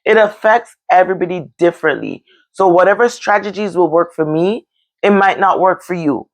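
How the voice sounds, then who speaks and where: A Jamaican woman hosting a casual discussion show speaks at a moderate pace in a low voice full of gravelly fry. She's blunt and emphatic, repeating phrases to drive her points home.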